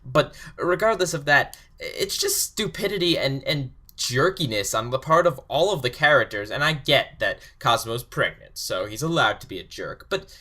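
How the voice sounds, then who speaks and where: A man's voice: medium pitch, lively intonation, normal speed, few pauses, bright, forceful tone. A man of about twenty reviewing a cartoon episode in an exasperated, sarcastic rant.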